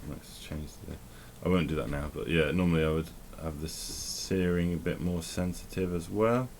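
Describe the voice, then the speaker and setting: A man's voice: sits low, fairly even intonation, moderate pace, darkish tone, a little hiss or hum. A man giving casual, rambling commentary while playing a game, often correcting himself and thinking aloud. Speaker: tech vlogger.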